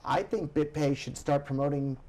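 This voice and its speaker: A man hosting a chatty news show, voice pitched slightly high. He talks in an animated, opinionated way, pressing his points and drifting into rants. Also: normal speed. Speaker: show host. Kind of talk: casual news chat.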